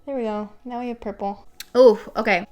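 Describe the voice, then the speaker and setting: A woman in her twenties, a vlogger, reads and reacts to her old journal in a casual, confessional chat to camera, candid and self-deprecating. Her voice is on the high side, a little mellow and brisk, with fairly even intonation. Soft music plays in the background of her home recording, made with a ring light set up.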